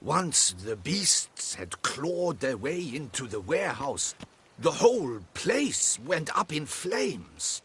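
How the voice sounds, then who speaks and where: Game role: a nervous, deferential merchant, slow and lilting in pitch. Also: male voice, very animated, a bit bright, husky, full character voice. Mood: pleading. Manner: deferential and pleading. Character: anxious male guild merchant pleading before a duchess.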